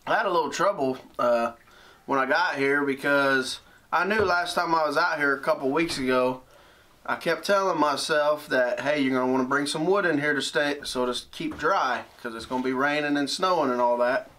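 A man's voice: on the high side, normal speed, pushed and bright. A plain-spoken, laid-back man talking casually with his son while he vlogs from a small wood-heated cabin. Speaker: outdoors vlogger.

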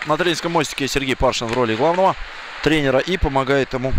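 A man giving live ice hockey play-by-play, thinking aloud in broken, pausing phrases. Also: medium pitch. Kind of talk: live play-by-play sports commentary. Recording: loud background noise of a rink. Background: indoor ice rink ambience.

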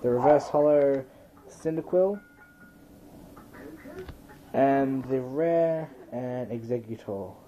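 Sitting in his bedroom, a man hosts an unscripted trading card pack-opening video, casually naming each item in a matter-of-fact tone. He speaks slowly, with a medium pitch and long pauses. The recording sounds cut off at the top end and carries a little hiss or hum.

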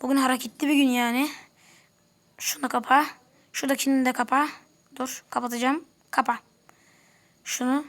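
A woman's voice: high-pitched, steady tone, normal speed, pauses often, fairly bright tone. A woman giving casual let's-play commentary, chatty, grumbling and talking to the characters on screen. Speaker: gameplay commentator.

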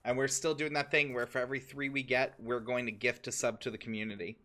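A man's voice: mid-range voice, flat delivery, quick pace, pushed and bright. A man co-hosting a live gaming stream, chatting casually, laughing and swearing as he reacts to the game. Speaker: streamer co-host.

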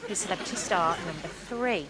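A young woman presenting a TV talent show on a studio stage, bubbly and animated. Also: on the low side, moderate pace, noisy background. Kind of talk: lively TV presenting. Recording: studio with loud audience.

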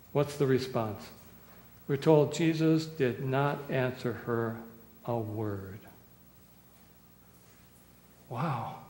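A man in his sixties, a pastor preaching a sermon, dramatic, swinging between loud pleading and hushed quiet lines, recorded from a distance in a small church. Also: mid-range voice. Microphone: far camera. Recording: echoey church hall, roomy reverb.

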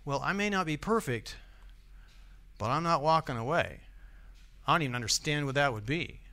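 An American man delivers a sermon in a church, talking to the congregation like a conversation and checking in with questions. His voice is bright and forceful and sits a little high for a man. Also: lively intonation, normal speed. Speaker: pastor.

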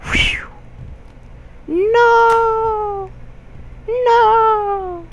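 A young man hosting a gaming video, giving jokey, excitable commentary with crude outbursts as he plays. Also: very high-pitched, very slow, a little hiss or hum. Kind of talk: gameplay commentary.

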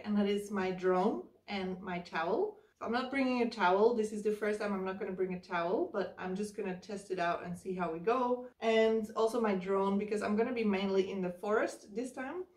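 With a mid-range voice, a woman in her thirties who vlogs about hiking casually shows, step by step, how she packs her backpack while she handles the gear. She's indoors in a living room, and a camera mic from across the room makes the recording roomy and slightly distant.

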